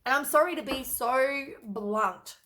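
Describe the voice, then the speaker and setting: A woman's voice: high voice, measured pace, a bit bright. A woman doing a casual tarot reading to camera, blunt and exasperated, with lots of sighs and casual swearing. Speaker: tarot reader.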